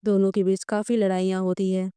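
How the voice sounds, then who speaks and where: A woman tells a dramatic story recap and voices each character's lines herself without changing her voice much. Her voice is warm, mellow and smooth. It is recorded close and dry, with no room sound. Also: mid-range voice, little pitch movement, brisk, dry recording. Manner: reads all characters' lines in near her own voice. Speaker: story explainer narrator.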